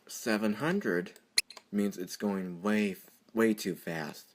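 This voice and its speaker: A deep-voiced tutorial presenter talks slowly and spontaneously over a screen recording, wandering in thought and quick to find things funny. It's captured on a computer microphone with background noise.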